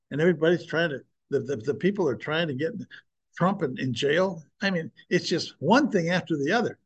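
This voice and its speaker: A man's voice: fairly high pitch, husky. An older man speaking earnestly and with emphasis, preaching and sharing a personal testimony with his listeners.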